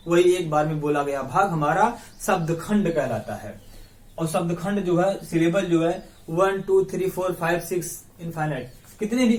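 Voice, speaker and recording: High-voiced teacher drilling syllables in an echoey room. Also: male voice, far from the mic. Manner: repeats words slowly syllable by syllable, asks the class questions; friendly, calls listeners 'my brother'. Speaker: English grammar teacher. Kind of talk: classroom-style lesson mixing Hindi and English.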